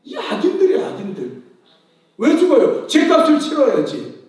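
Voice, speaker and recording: A male pastor preaching with a strikingly high voice that swoops up and down with lively energy. He fires rhetorical questions and acts out voices from his stories. The sound rings through a very echoey church hall, picked up from some distance. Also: normal speed. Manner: animated preaching with rhetorical questions and acted-out quotes. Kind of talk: sermon. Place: church sanctuary.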